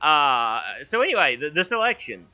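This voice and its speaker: Rambling, stammering gaming host. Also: male voice, a little high, sing-song, moderate pace, pushed and bright. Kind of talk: casual let's-play commentary. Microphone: headphones with gaming mic. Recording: dull lo-fi mic.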